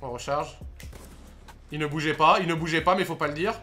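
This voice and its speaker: Excitable young gamer, bright voice. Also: male voice, a little high, brisk, soft background music. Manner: excitable, swears, shouts at the game. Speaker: gaming YouTuber. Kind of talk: gameplay commentary.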